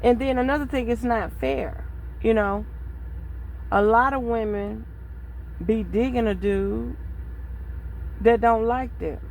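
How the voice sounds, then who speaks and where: A woman's voice: on the high side, takes it slowly, long pauses, a little mellow, slight background noise, poor audio. A woman in her thirties talking bluntly and profanely in a rambling casual vlog monologue. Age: 30s. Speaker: vlogger.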